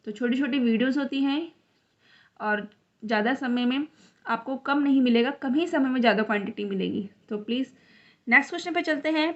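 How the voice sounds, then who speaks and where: High-pitched woman going through exam questions, reads the english bits slow, bit muffled lo-fi sound. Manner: explains step by step, mixes English terms into Hindi. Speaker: exam prep teacher. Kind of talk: online lesson in Hindi with English terms.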